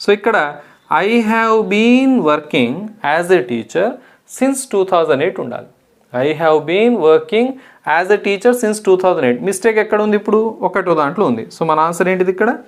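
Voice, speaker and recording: A man in his thirties with a Telugu accent, teaching an exam-prep English grammar lesson, explaining step by step and answering his own questions. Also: sits high.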